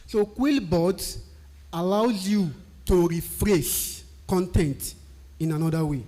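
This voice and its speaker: A Nigerian man, whose first language is a Nigerian language and who speaks English with a Nigerian accent, gives a live-stream talk explaining technical writing. His voice is high-pitched and dark in tone, and he takes things slowly, often posing questions and then answering them himself.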